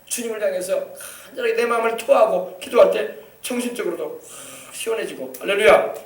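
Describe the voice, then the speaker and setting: Fast and high-voiced, this man preaches an emphatic sermon in a church sanctuary while the congregation answers him in call-and-response. It's captured from a distant mic in an echoey space.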